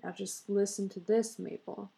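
A stubborn husband who brushes off his wife's fears, as a woman reads him in a storybook. He talks in a lower, quieter, flatter voice with a gravelly edge. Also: normal speed, close to an everyday voice. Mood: dismissive. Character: stubborn, dismissive husband and father.

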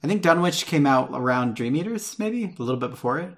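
Gravelly man, matter-of-fact chat. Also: a little high, lively intonation, quick pace. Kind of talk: casual chat.

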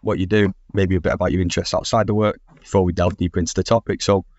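A man's voice: deep voice, little pitch movement, rapid-fire, a little mellow, dry recording. A man hosting a podcast panel, opening and steering the talk with upbeat, rehearsed phrasing. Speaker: podcast host. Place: podcast room. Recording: slightly muffled podcast recording.

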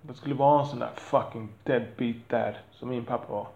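A man's voice: mid-range voice, steady tone, creaky, a little mellow, roomy sound, muffled recording, slight background noise. A man talking frankly about being a father, in a blunt, profane and rambling way with self-deprecating asides. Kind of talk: candid monologue.

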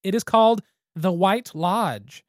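Slow and high-pitched, a man co-hosts a podcast and mulls over a beer he's reviewing, relaxed and restarting as he thinks aloud. There's no echo, and the audio is studio quality.

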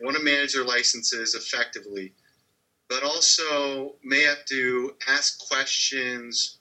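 A man's voice: mid-range voice, bright, forceful tone, rough recording. A man speaking as a podcast guest, earnestly explaining his work with a few uhs and ums. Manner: earnest, explanatory, uses fillers. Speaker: guest, training company head. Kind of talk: casual podcast interview.

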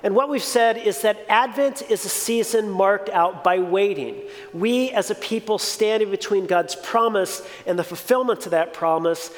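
A man's voice: sits high, moderate pace. A man in his forties giving a conversational, reflective sermon as a pastor. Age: 40s. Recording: reverberant hall.

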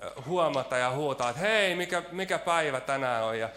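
A man's voice: on the high side, expressive, bright, forceful tone, a little hiss or hum. A man preaching a sermon in a church, telling a personal story with self-mocking jokes and frequent hesitant fillers.

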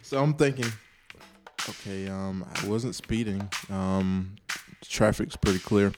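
A man calmly telling a story in casual podcast chat, pausing with ums. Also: lowish voice, over music. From US South. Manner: calm, steady, with pauses and ums.

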